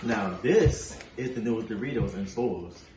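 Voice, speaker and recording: A man's voice: lowish voice, lively intonation, measured pace. A man chatting casually as co-host of a taste-test video. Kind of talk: casual chat. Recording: echoey room, distant mic, clear noise.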